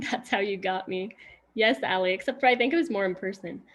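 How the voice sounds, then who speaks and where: A woman's voice: mid-range voice, a little fast. A woman leading a casual sales coaching session on a video call, chatty and upbeat, with lots of fillers and laughs. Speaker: sales trainer on a group call.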